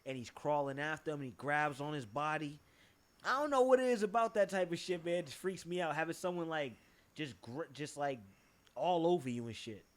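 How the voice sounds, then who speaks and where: A young man with a Boston accent co-hosting a podcast in casual chat, animated and profane, jumping from topic to topic. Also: on the high side, a little fast. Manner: animated, swearing, jumps from topic to topic. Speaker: podcast co-host.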